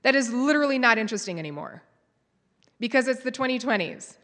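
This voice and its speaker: At a conference, a woman from the United States speaks live, animated and quick, in a fairly high and somewhat bright voice. She tells a story and quizzes her audience, and the hall's reverb rings long.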